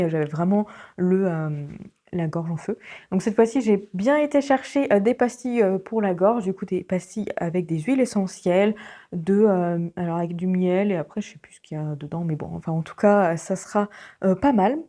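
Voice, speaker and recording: A woman chats casually while vlogging her day, her warm, medium-pitched voice moving at a normal speed with fairly even intonation. A sore throat has her frequently dropping to a whisper.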